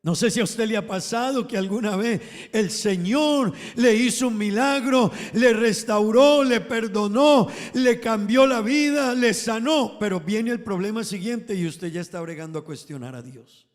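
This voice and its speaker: High-voiced preacher in a reverberant hall. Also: male voice, a little slow. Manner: emphatic, swells and drops in volume, addresses congregation as brothers. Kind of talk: sermon.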